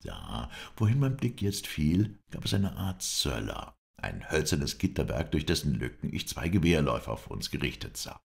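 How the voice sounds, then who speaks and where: A man reading a classic adventure novel aloud as an audiobook narrator, in a measured storytelling manner that lifts his voice for the dialogue. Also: a bass voice, sing-song, gravelly.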